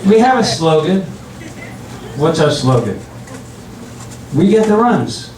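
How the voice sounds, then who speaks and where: An older man performing stand-up comedy in front of an audience, telling stories with halting restarts and repeated phrases. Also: a little high, very animated, a crowd in the background. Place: room with an audience, recorded from a distance. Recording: roomy, distant mic, very noisy.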